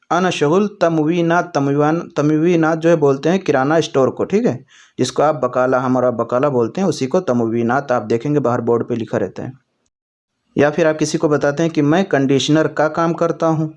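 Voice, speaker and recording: A man teaching spoken Arabic phrases, saying each one slowly and repeating it before explaining what it means. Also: fairly high pitch, a little mellow. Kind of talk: spoken language lesson.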